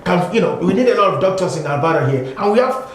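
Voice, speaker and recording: Guy on a talk show, a bit high voice, keeps repeating himself w lots of ums, roomy echo. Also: animated, quick pace. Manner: emphatic, repeats points, many fillers. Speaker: guest. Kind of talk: casual discussion. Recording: echoey room.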